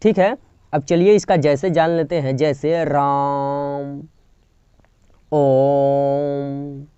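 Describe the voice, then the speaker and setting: A man with a fairly high, mellow voice teaches a grammar lesson, moving point by point and stretching single sounds out as examples. The recording is dry and dull. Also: no echo. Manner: explains step by step, drawing out sounds as examples. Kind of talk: classroom-style grammar lesson.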